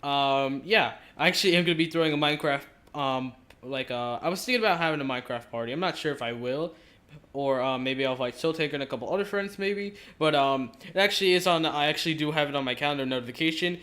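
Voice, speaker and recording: A man's voice: a little high, fast talker, a bit bright. A man giving casual, rambling game commentary, hesitant and self-correcting, his speech slightly off from stitches in his mouth after dental surgery.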